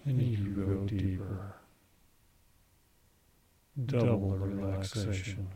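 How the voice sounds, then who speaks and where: A man guiding a scripted hypnosis induction, speaking softly and repetitively as he counts numbers. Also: low voice, fairly even intonation, breathy edge. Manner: slow, soft, repetitive counting.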